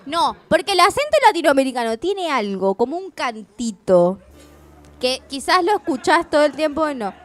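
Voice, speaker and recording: A woman's voice: high-pitched, sing-song, normal speed. A woman with an Argentine accent co-hosting a live radio show, chatting in a playful, bawdy way. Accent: Argentine Spanish. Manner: playful, bawdy, laughs often. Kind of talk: casual banter on live radio.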